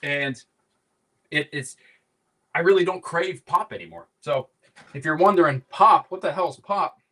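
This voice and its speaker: Livestreaming a casual cooking demo from his home kitchen, a man with a Pittsburgh accent rambles loosely and swears offhand. His voice is fairly high and expressive, with a measured pace and a sharp tone.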